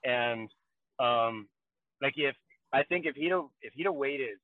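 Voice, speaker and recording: A man's voice: mid-range voice, a little slow, no room sound. A man co-hosting a podcast in casual chat, rambling along with lots of fillers. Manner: rambling, heavy on fillers like "you know". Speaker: podcast co-host. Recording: tinny, dry call audio.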